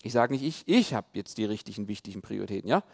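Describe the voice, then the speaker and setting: A man giving a conversational sermon on love in marriage, animated, acting out quoted thoughts with many fillers and restarts. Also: fairly low pitch, quick pace, gravelly.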